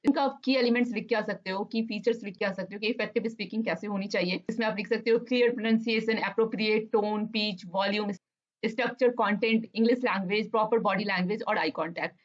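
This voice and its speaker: Deliberate woman lecturer, lo-fi sound. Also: mid-range voice, fairly even intonation. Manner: mixes Hindi and English, reads English answers slowly and deliberately. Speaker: online lecturer. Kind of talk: exam-focused lecture. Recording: dull lo-fi sound.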